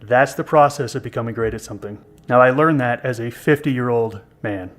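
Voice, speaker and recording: A man's voice: mid-range voice, brisk. A man in his fifties co-hosting a podcast in casual chat, joking and poking fun at himself. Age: 50s. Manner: self-deprecating, joking. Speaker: podcast co-host.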